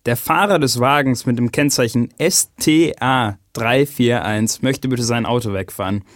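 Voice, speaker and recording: A man's voice: mid-range voice, a little slow, no echo, clean studio sound. A man reading a public notice in a firm, urgent way. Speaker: announcer. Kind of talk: scripted public announcement.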